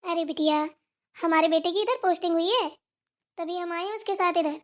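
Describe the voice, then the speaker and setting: A woman voicing a gentle older mother-in-law. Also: very high voice, normal speed. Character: older mother-in-law, soft-spoken and kindly. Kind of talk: cartoon voice acting.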